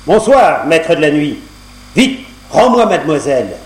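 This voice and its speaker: A man's voice: fairly high pitch, very animated, a little slow. A man voicing a bold young knight hero. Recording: roomy cassette recording, faint hum.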